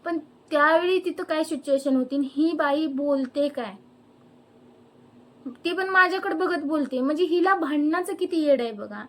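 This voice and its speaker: High-pitched indignant woman ranting. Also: normal speed. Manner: heated, indignant, rhetorical questions, frequent "हं?". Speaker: vlogger. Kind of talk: angry personal rant to camera.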